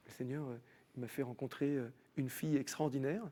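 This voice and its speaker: A man telling his personal faith story as a TV guest, in an animated storytelling manner with many restarts. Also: medium pitch, brisk. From France. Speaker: guest musician. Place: TV studio.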